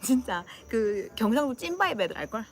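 Young woman, Gyeongsang accent, chatty channel host, very expressive pitch, faint background hiss. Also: brisk. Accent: Gyeongsang dialect. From Gyeongsang region, South Korea. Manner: animated, acts out dialect lines, laughs often. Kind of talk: casual chat with viewers.

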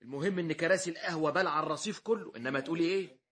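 An actor playing an indignant young son with an Egyptian accent, breathy and protective, in a radio comedy. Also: male voice, a little high, racing, fairly bright tone, natural voice. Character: indignant young son defending his mother.

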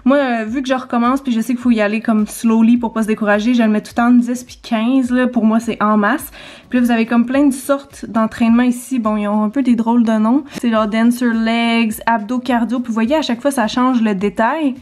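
Woman, young adult, Québécois French accent, high-ish voice, casual vlog chat, rambling, self-deprecating, home studio. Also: fairly even intonation, a little fast, a little mellow. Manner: chatty, rambling, self-deprecating with frequent laughs. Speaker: vlogger. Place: her home studio, indoors.

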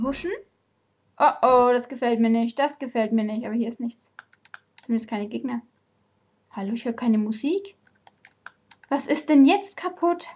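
Woman gamer, high-pitched, frustrated and excitable, faint game music under her voice. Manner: excitable, swears and shrieks in frustration. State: out of breath. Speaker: let's play gamer. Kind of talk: live game commentary.

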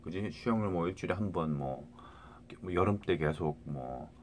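A man's voice: sits low, normal speed, slight background noise. A middle-aged man talking to viewers into a phone in a rambling casual monologue, restarting words and often asking "right?".

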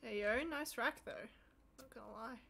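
Bright, high-voiced woman game streamer. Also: brisk, gravelly. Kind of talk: casual live gameplay chat.

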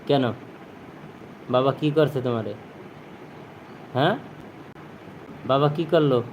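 A man's voice: mid-range voice, slow, highs cut off, slight background noise. A man, speaking casually to his young child on a live stream and coaxing him over and over. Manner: coaxing and pleading, repeats himself.

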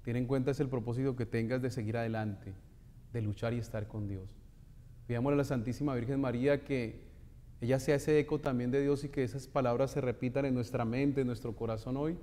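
A priest leads the congregation through prayers, his mellow, warm voice steady and solemn. Every line rings out into a long cathedral echo, as if it fills a large stone church. He sits at a middle pitch, neither deep nor high. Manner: solemn, measured, leading the congregation's responses. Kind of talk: liturgical preaching and prayer.

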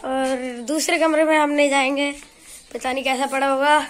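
A woman's voice: sits high, steady tone, moderate pace. A young woman casually touring a village house, pointing things out for the camera. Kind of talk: casual vlog tour. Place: village house and yard outdoors.

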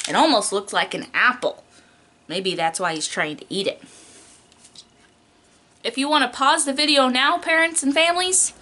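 A young adult woman who teaches preschool reads a picture book aloud in an exaggerated, child-directed style, stretching out key words. Her medium-pitched voice sounds pushed and bright.

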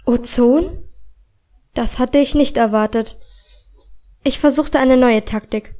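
A woman reading a fantasy audiobook in first person, with a calm, even storytelling delivery. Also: sits high, measured pace. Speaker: audiobook reader.

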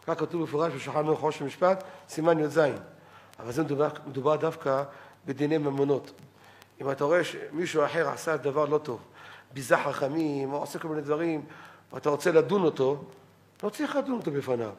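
A middle-aged man delivering a halachic lecture as a rabbi, animated and repeating words for emphasis. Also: on the high side. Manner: animated, quotes others in acted voices, repeats words for emphasis. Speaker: rabbi giving a weekly Torah lecture. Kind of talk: Saturday-night halachic lecture.

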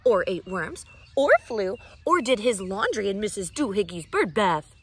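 A woman voicing a stern mother cat who scolds loudly and emphatically. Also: mid-range voice, very animated, normal speed, slightly rough. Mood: scolding.

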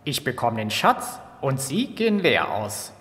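A man's voice: medium pitch, sing-song, measured pace, fairly bright tone, big-room sound. Man playing a smug, swooping villainous treasure hunter. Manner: mock-polite, sneering, theatrical. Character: smug, greedy male rival treasure hunter, villainous major. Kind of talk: amateur film dub acting.

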